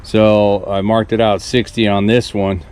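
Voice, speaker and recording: Rambling low-voiced man in his sixties. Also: a little slow, clean tone. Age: 60s. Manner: rambling, relaxed, many restarts. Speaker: farm vlogger. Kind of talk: casual thinking-aloud build vlog. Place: outdoor construction site on a farm.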